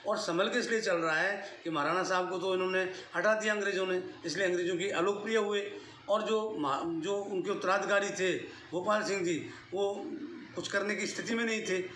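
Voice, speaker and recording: A middle-aged man lectures on history in a loose, explanatory way, now and then dropping in English words. His voice sits a little high for a man. The room is roomy and echoing, with a faint hiss underneath. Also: fairly even intonation, a little fast, fairly bright tone. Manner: explanatory, mixes English terms into his speech. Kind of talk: unscripted classroom-style lecture.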